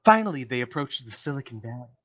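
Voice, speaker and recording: Reading a comedic story to friends in a voice channel, a man performs in an amateur dramatic style, occasionally stumbling over words and correcting himself. His medium-pitched voice is very animated, fast and a bit bright, heard through dull lo-fi voice chat audio.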